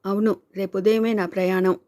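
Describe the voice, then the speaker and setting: A woman's voice: medium pitch, little pitch movement, normal speed, warm tone, dry recording, clean studio sound, natural voice. A woman reading a reproachful young woman. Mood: firm. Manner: pleading, reproachful. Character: caring, outspoken young woman of the household.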